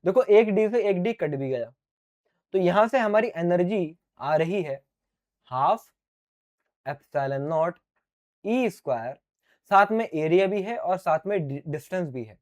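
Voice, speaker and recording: A man in a lively, high-voiced physics lecture. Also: slow pace, long pauses. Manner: animated and playful, answers himself in a student's voice; addresses students as dear children. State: sore throat. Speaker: physics teacher. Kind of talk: online exam-prep lecture.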